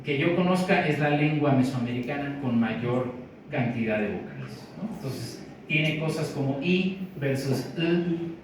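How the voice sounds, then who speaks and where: A man's voice: medium pitch, lively intonation, a little slow. A man with a Mexican Spanish accent giving an academic lecture in a conversational way, often checking in with his audience. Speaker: linguistics lecturer. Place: large lecture hall. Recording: echoey hall from far off, faint noise.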